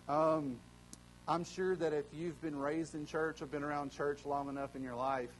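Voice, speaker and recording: Man as guest preacher, excitable and chatty, slightly high voice, faint hum behind. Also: poor audio. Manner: excitable, joking, many fillers and restarts. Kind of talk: casual storytelling sermon.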